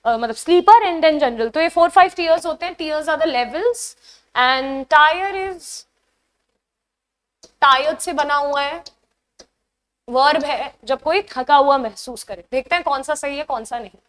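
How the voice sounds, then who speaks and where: A young woman with an Indian accent and a high, light voice teaches an online exam-prep English class. She explains word pairs in a mix of Hindi and English and reads each test sentence slowly and carefully.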